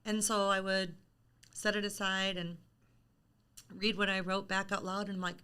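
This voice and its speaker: A middle-aged woman speaks frankly and chattily as a guest on a live-stream interview, poking fun at herself as she goes. Her voice has a bright, clear edge at an everyday pitch. She talks over a video call. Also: level tone, normal speed. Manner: frank and chatty, with self-deprecating humor. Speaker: author being interviewed.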